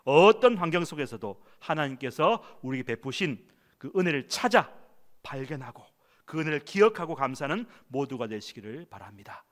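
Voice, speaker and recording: Lively-voiced Korean pastor preaching. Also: male voice, on the high side, normal speed. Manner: emphatic, calls congregation to read along. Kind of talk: sermon. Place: church sanctuary.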